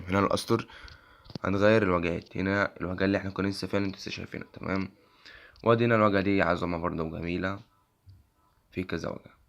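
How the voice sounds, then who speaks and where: A young man with an Egyptian accent and a worn, hoarse voice walks through an app on screen, quickly asking "okay?" after nearly every phrase. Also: low-pitched, a bit bright. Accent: Egyptian Arabic. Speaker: tech channel host. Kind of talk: casual screen-recording walkthrough.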